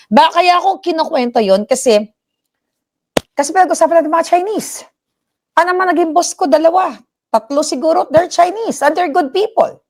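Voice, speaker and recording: Middle-aged Filipina host, casual chatty storytelling, slightly high voice, switches between Tagalog and English, acts out quoted voices. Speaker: livestream commentary host. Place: home in the United States.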